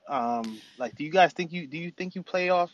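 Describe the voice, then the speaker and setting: A man's voice: fairly high pitch, lively intonation. A man calling in from a car over a clipped phone line, chatting casually and rambling with fillers. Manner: fast, rambling talker with fillers. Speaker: caller. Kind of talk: casual call-in chat. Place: in a town car. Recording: dull lo-fi phone call with faint car noise.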